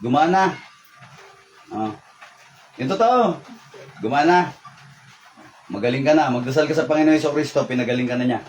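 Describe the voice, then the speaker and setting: A man's voice: a little high, animated, darkish tone, slight background noise, poor audio. Man chanting healing prayers. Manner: commanding, repeats short instructions; recites Latin prayers in a rapid chant. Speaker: faith healer.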